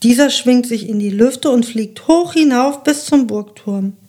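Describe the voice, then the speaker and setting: A woman narrating a children's fairy tale in a calm, measured reading voice. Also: fairly high pitch. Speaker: storyteller.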